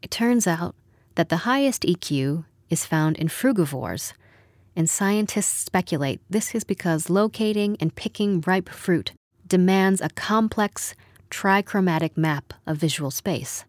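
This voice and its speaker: A woman narrating a literary story in a measured, wry storytelling manner. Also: fairly low pitch, expressive, no room sound, studio quality. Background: music.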